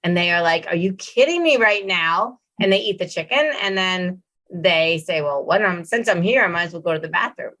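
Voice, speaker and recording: Animated woman trainer telling stories. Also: on the low side. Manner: animated storyteller, acts out dogs' thoughts in quick voices. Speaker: dog trainer, show host. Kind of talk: casual roundtable chat.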